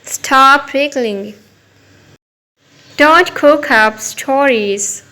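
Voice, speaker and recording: Slow, bright woman teaching phrases. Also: high voice, low-quality recording. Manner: slow, clear, each phrase said twice. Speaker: English teacher. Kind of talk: repeating phrases for learners.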